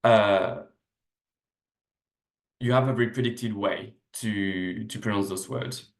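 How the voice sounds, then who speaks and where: Over a video call from his desk, a researcher lectures through his slides in a slightly low, gravelly voice, keeping a steady tone and a slow pace. He's a native French speaker who explains carefully, with many "uh" fillers and frequent restarts. Echo from the room comes through his laptop microphone.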